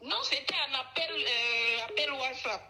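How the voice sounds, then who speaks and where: A woman from the Ivory Coast calls in for advice, her voice very bright and a little high. She answers insistently and repeats her points to be believed. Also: a little slow. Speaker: caller. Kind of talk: phone-in advice call.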